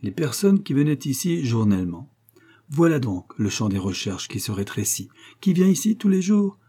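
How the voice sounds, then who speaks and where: A man voicing a pompous, doddering elderly gentleman who lectures his friend with boastful, self-satisfied reasoning in a storybook reading. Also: medium pitch, big pitch swings, moderate pace, breathy edge, pitched above the performer's own voice.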